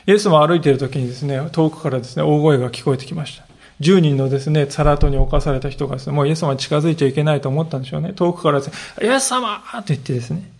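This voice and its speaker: A man delivers a sermon as a pastor, with a somewhat high voice roughened by gravelly fry. His storytelling is earnest and animated. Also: rapid-fire.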